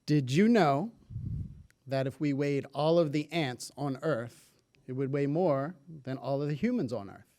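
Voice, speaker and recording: A man giving a public talk to an audience, telling stories with jokes in an energetic way. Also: on the high side, measured pace. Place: lecture hall.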